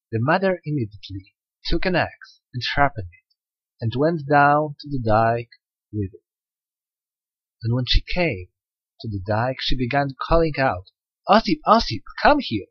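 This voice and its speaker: A man narrating a dark folktale audiobook with an expressive reading and a few small slips. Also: medium pitch, measured pace, pauses often, slightly rough, no echo. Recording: dull lo-fi recording.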